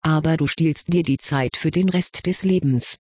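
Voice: medium pitch, normal speed, a little mellow, husky, no echo, studio quality, natural voice. A reader voicing a sensible, lightly ironic schoolboy wizard in an audiobook of fan fiction, talking in a level, lecturing way. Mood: reasoning, dry.

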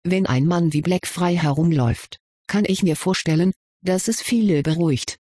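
A reader voicing a calm, reasonable old headmaster wizard who speaks in a measured way in a storybook reading. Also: medium pitch, slightly rough, no echo, clean studio sound, close to an everyday voice.

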